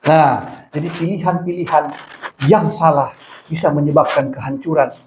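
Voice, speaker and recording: Male pastor, emphatic storyteller, slightly high voice, echoey church hall. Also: fairly even intonation, moderate pace, darkish tone, slight background noise. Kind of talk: sermon.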